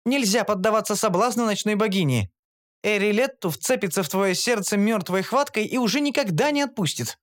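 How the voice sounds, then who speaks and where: A young female gnome with a very high, eager voice, as a male reader puts her on. She sounds earnest and anxious, and her pitch bounces around. This is an audiobook character voice. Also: lively intonation, fairly quick. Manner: eager, pleading.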